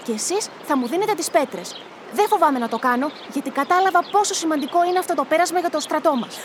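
Moscho is a bright, quick-witted village girl in a children's radio drama, as a woman voices her. She speaks very high and eagerly, like a born leader talking her friends into a plan. A faint hiss sits under her lines. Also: animated. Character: bold clever young village girl, a leader.

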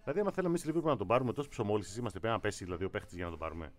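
A man co-hosting a sports show, chatting casually and reading headlines aloud with his own running commentary. His pitch moves a lot, rising and dropping as he teases his partner. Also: animated, soft background music. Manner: teasing, reads news aloud with commentary.

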